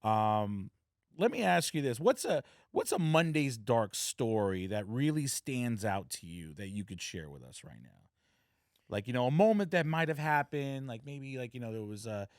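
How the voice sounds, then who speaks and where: A man hosting a podcast, asking relaxed, rambling questions in casual conversation. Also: mid-range voice, normal speed, no room sound, studio quality. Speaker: podcast host. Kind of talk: casual interview chat. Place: podcast studio.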